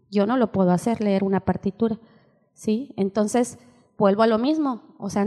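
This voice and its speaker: An older woman leading a teachers' seminar at a church, reading from notes and explaining, often checking in with a quick question. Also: a little high, dark tone. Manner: explains while reading aloud, keeps asking ¿sí?. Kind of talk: seminar lecture. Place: church hall. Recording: hall reverb.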